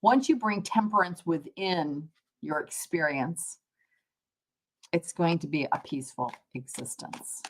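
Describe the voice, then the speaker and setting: Her voice is deep and her pace measured, though the audio quality is poor. She's a tarot reader hosting a casual livestream, talking to viewers in a reflective, conversational way and rewording her explanations.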